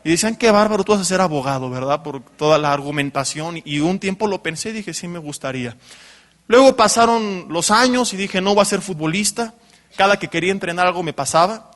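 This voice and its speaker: A man's voice: high voice, a little fast, a bit bright. A man, preaching a sermon to young people as a storytelling pastor who keeps adding tag questions. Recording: reverberant hall.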